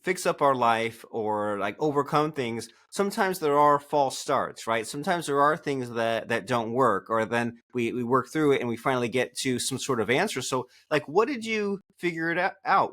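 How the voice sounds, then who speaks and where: A man's voice: mid-range voice, animated, moderate pace, hardly any pauses, fairly bright tone. A man hosting a podcast interview, asking questions in a casual, rambling way. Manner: casual, rambling, uses "like" often. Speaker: podcast host.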